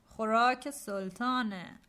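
A woman's voice: on the high side, bright, forceful tone. A woman voicing a curious, sulky young deckhand boy, reading a storybook aloud.

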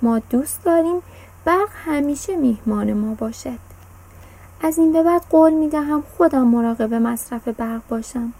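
An eager young boy from a children's storybook, as a woman narrator puts him on. His voice sits high and rings out loud and keen, with a soft husky edge. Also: lightly acted, poor audio. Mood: earnest.

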